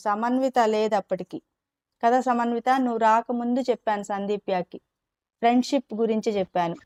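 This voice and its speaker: A woman's voice: fairly high pitch, dark tone. A woman teacher talking patiently to young children, asking them questions and coaxing answers. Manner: mimics whiny children's talk when quoting. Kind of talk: teaching children in a live class.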